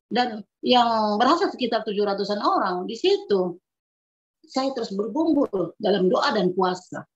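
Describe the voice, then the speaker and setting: A middle-aged woman giving an emotional personal testimony as a mother, speaking fervently and earnestly and often repeating herself. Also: on the high side. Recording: dull lo-fi recording.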